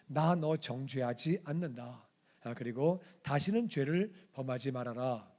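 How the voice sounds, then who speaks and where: Man doing a gentle forgiving teacher, soft, slow, low-toned, quiet. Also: expressive, lightly acted. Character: gentle forgiving male teacher figure, calm.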